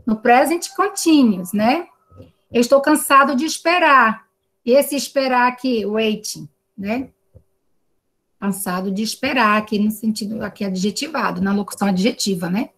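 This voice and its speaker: Over a video call, an English teacher with a Brazilian Portuguese accent gives an online class in a somewhat high, slightly bright voice at normal speed. She's patient in her explanations and often checks in with tag questions.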